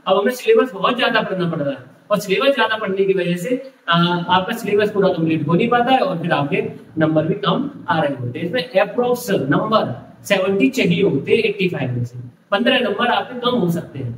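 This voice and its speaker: A man's voice: sits high, animated, fairly quick, reverberant, distant mic, a little hiss or hum, low-quality recording. A male tutor explaining an entrance exam syllabus, listing topics one by one and repeating himself. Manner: repetitive, lists topics one by one.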